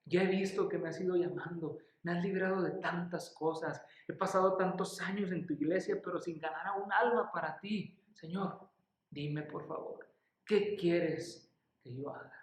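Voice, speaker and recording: Earnest Mexican preacher in echoey church. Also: male voice, high-pitched, steady tone, moderate pace. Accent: Mexican Spanish. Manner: earnest, pleading, repeats key phrases; calls listeners "querido" and "hermano". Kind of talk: sermon.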